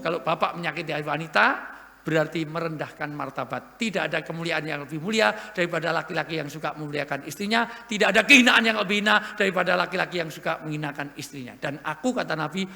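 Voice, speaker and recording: A man preaching a humorous sermon to an audience, lively and joking, with sudden loud emphasis. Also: a little high, gravelly. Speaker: Islamic preacher. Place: large hall at an event. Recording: echoey hall with long reverb.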